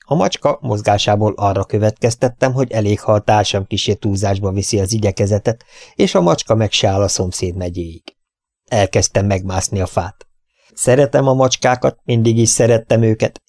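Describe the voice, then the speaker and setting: A man narrating a first-person audiobook story in a calm, even storytelling manner. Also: fairly low pitch, no echo, clean studio sound. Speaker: audiobook reader.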